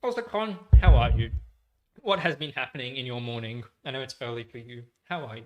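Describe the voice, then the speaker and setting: A man's voice: medium pitch, brisk, darkish tone, faint music behind. A man co-hosting a casual podcast livestream, chatty, laughing often and swearing casually. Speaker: podcast co-host.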